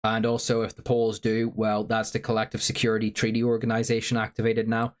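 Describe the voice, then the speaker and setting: A man's voice: on the low side, monotone, fast. A man with a sore throat, livestreaming casual commentary and reading out viewer chat in a rambling, filler-heavy way. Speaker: stream host.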